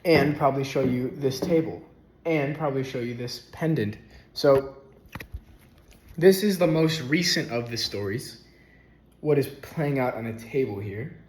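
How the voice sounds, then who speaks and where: A young man talking casually in a spiritual vlog from a rented house, relaxed and rambling, filling his speech with "like". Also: mid-range voice, measured pace, pauses often. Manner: relaxed, rambling, heavy use of "like". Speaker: spiritual vlogger.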